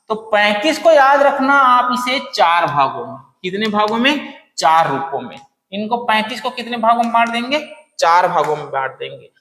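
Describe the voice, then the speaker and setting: A man's voice: high voice, a bit bright. Echoey male teacher quizzing himself. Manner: asks questions and answers them himself; repeats key phrases slowly for emphasis. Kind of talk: exam-prep lecture. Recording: echoey room with long reverb.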